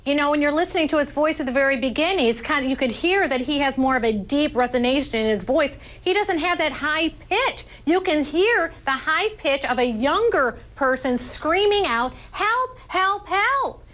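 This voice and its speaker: A woman with a high voice gives expert commentary as a news panel guest. She explains her reading of a recording step by step, with emphasis and rhetorical questions. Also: normal speed, hardly any pauses, a bit bright. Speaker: body language expert guest.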